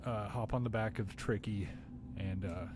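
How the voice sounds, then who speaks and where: A man's voice: fairly low pitch, steady tone, moderate pace, heavy background noise. A man chatting casually as a player in a tabletop game. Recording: loud music behind the voice.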